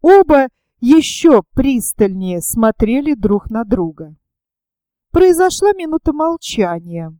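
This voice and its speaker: High-voiced woman reading an audiobook. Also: very animated, slow, warm tone, no echo. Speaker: audiobook reader. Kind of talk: scripted literary narration.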